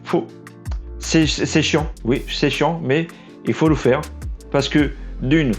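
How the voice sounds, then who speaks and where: Faint music runs under a young man's fairly high voice as he vlogs casually in French, a language he learned, carrying a Portuguese accent. His intonation stays fairly even, though his voice is giving out. The aspiring trailer editor speaks unscripted, halting and restarting often while making fun of himself.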